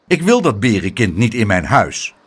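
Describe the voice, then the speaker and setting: A loud, indignant mother from a children's storybook, stern and quick to scold, as a man reads her out. She barks her lines with force and an animated, swinging pitch. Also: breathy edge, full character voice. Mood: furious. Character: stern indignant middle-aged woman, a mother.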